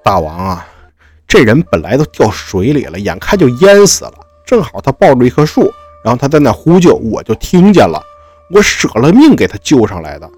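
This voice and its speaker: Man doing a noble, earnest storybook deer, husky voice, faint music under it; light characterization, close to his own voice. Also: medium pitch, wildly swooping pitch, moderate pace, a little mellow. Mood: tearful, indignant. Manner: earnest, pleading. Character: noble male deer, gentle and pleading.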